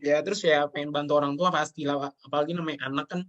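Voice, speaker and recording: A man's voice: a little high, steady tone, racing, a bit bright, lo-fi sound. A young man, a show guest, talking earnestly about his life and work, sometimes near tears. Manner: earnest, often addresses listener as sir. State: tearful at times. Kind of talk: emotional personal talk.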